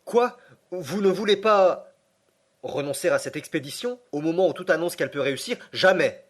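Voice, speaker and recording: A man's voice: fairly high pitch, quick pace, close to an everyday voice. A man voicing a frightened young man in an audiobook, pleading and agitated.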